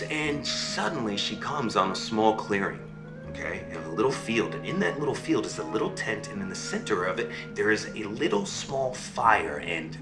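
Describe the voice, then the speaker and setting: A man's voice: a little high, echoey room, lightly acted. A man telling a fairy tale to his child over a video call, voicing the characters and checking in with okay and right. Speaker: father telling a bedtime story.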